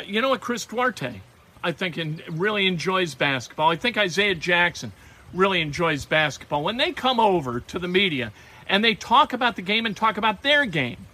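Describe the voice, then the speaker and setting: Bright-voiced opinionated sports talk man. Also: high-pitched. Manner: blunt, emphatic, wisecracking.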